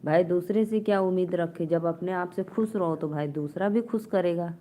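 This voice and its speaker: A woman's voice: on the low side, moderate pace, warm tone, a little hiss or hum. A woman with an Awadhi accent hosting a casual live stream from a phone, reading out viewer comments and bantering playfully with them.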